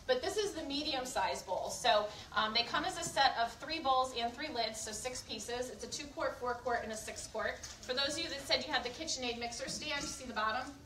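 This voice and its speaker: At a live event indoors, a woman demonstrates kitchenware cooking for a group, chatting, instructing and frequently asking questions to check in. Her high voice has a sharp tone, and she speaks briskly with few pauses. The distant mic gives a roomy sound with faint background noise.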